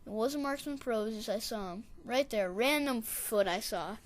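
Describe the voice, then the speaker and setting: A woman casually narrating her gameplay in a rambling, digressive way, and getting excitable when she tells a story. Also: on the high side, normal speed. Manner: excitable, shouts catchphrases when retelling. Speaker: gameplay commentator.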